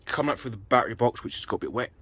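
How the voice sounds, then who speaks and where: Rapid-fire and expressive, this British man's medium-pitched voice has a fairly bright tone and a breathy edge. He's an amateur vehicle DIYer and vlogger, chatting through a casual, self-deprecating walkthrough into a handheld camera while working in and around an off-road vehicle outdoors. Recorded on a handheld phone or camera mic, the audio is noisy with vehicle ambience.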